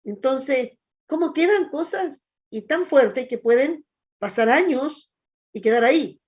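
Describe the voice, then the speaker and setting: A woman's voice: high-pitched, expressive, a little slow, slightly rough. A middle-aged woman pastor with a Chilean accent, chatting and telling stories in a hesitant, conversational way. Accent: Chilean Spanish. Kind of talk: church talk show, teaching chat.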